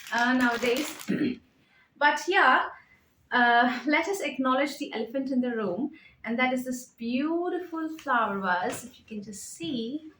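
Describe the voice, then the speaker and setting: A woman's voice: a little high, echoey room, slight background noise, poor audio. A woman chatting casually at home in a show-and-tell vlog, reading out product labels with lots of fillers. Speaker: lifestyle vlogger. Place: home living room.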